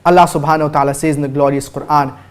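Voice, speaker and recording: A man delivers a religious lecture in a formal, measured voice that sits a little higher than most men's. He races through Arabic recitation, then slows down to stress each phrase of the translation and names the chapter and verse numbers with care. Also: level tone, smooth. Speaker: Islamic preacher answering viewer questions.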